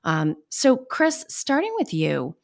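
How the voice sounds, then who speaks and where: A woman with a Boston accent hosting a podcast, chatting in quick, lively bursts with her guests. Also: medium pitch, gravelly. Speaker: podcast host. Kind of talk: casual interview chat.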